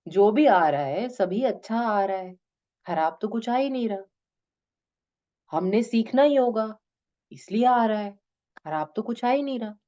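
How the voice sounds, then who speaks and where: Woman spiritual teacher, warm and gentle, talks patiently to students; muffled lo-fi sound. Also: medium pitch, lively intonation, unhurried, long pauses. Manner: gentle, coaxing, addresses listeners as "beta"; mixes English phrases into talk. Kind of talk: devotional discourse to students.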